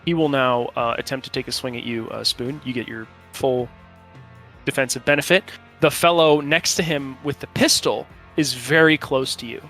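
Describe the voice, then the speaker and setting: A bright-voiced man runs a tabletop role-playing session as its game master, his pitch mid-range and his tone steady. He makes up the story as he goes and stumbles casually through the rules, with quiet music underneath.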